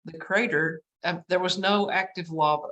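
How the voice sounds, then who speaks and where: A woman with a West Texas accent, a painter being interviewed over a video call, who talks in a self-deprecating way with halting restarts. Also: on the low side, fairly even intonation, a bit bright, low-quality recording. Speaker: guest painter. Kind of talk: casual interview chat.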